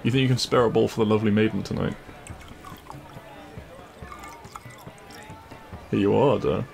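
Gravelly yet a little mellow, a man's fairly low voice brings a cheeky, kind-hearted bandit prince to life in an intimate audio roleplay. He sounds cheerful, teasing and reassuring, speaking very fast with fairly even intonation.

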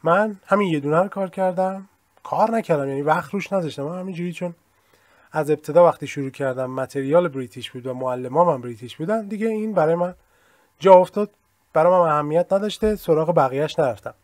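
A man's voice: fairly high pitch, a little mellow, no echo. A man whose first language is Persian, teaching an English lesson and explaining at length with modest asides and many examples. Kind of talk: recorded screen-share lesson.

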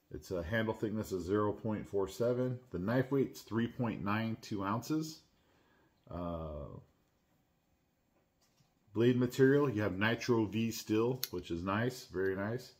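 Man, deep low voice, casual product review, chatty, filler words, restarts. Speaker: knife reviewer and channel host. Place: at home.

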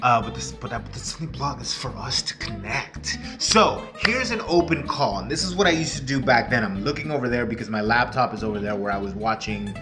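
A man's voice: medium pitch, animated, brisk, few pauses, music in the background. A man vlogging casually, rambling loosely, breaking off and laughing at himself.

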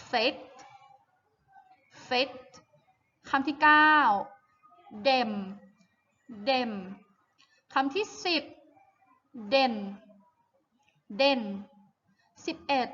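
A high-voiced woman with a Thai accent leads a phonics class, saying every English word twice. She explains each sound in Thai, and the recording sounds a little dull. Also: pushed and bright. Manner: reads each word twice slowly for pupils to repeat. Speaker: primary school English teacher. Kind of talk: online phonics lesson.

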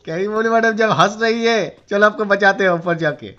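Music plays in the background while a gamer streamer, his voice high-pitched and brisk, pranks a stranger in a shooter game's voice chat with flirty, teasing banter. The noisy game-chat audio has its highs cut off.

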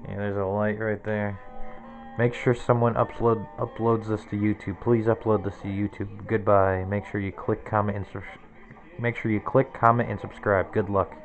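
A man's voice: lowish voice, level tone, moderate pace, faint music behind. Rambling young man, tinny lo-fi sound. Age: 20s. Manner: rambling, lists objects one by one. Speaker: vlogger. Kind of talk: casual room tour. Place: small cluttered bedroom, indoors. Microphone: handheld camera close to the face.

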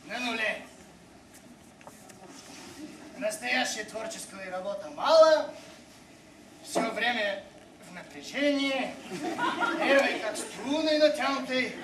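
Tipsy, generous city traveller for stage comedy, played by a man: very high voice, theatrical, heard from afar in an echoey hall. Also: fairly bright tone, far from the mic, a little hiss or hum, exaggerated voice. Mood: tipsy, musing. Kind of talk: comic stage acting. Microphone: far camera in the audience.

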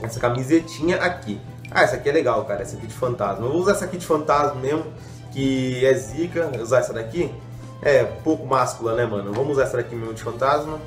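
Speaking fast in a mid-range voice, a young adult gaming YouTuber rambles through play with slang and self-deprecating jokes. He sounds a little congested from a cold. The room is echoey, with faint music in the background.

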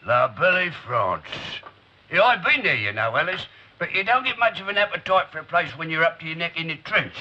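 A very bright, forceful Cockney man in middle age, breezy and matey, with a highish voice. The soundtrack is dull and hissy, like old TV drama. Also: very animated, a little fast, exaggerated voice. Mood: encouraging. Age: middle-aged. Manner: cheery, colloquial. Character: breezy, matey working-class London man. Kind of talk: 1960s television drama acting.

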